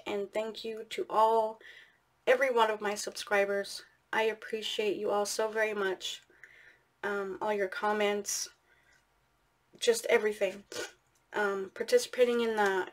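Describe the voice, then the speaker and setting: A woman's voice: mid-range voice, a little hiss or hum. A woman hosting a casual giveaway announcement, chatting informally and speaking straight to her viewers. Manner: chatty, informal, addressing viewers directly as "you guys". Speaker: host of an art channel giveaway. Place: indoors at a craft table, overhead camera.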